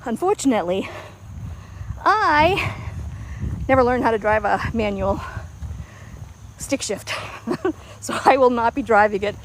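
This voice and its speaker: A woman's voice: on the high side, expressive, a little slow, pauses often, a little hiss or hum, low-quality recording. A woman chatting casually on a livestream while walking outdoors, a bit winded, rambling and laughing easily. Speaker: livestream host.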